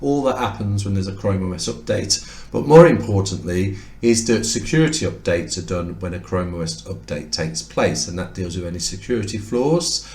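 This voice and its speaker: A man with a low-pitched voice talks through a laptop comparison in an easy, explanatory way. His voice is wearing thin, as he is losing it. The room around him sounds echoey. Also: expressive, moderate pace, a little mellow. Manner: explanatory, conversational, occasional self-corrections. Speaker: tech reviewer. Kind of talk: product comparison review.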